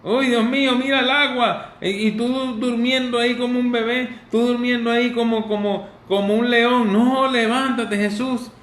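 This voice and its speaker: A man acting out panicking male disciples who plead in a storm, frantic and shouting. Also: very high-pitched, level tone, measured pace, pauses often, pitched above the performer's own voice, exaggerated voice. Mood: panicked pleading. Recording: echoey room recording.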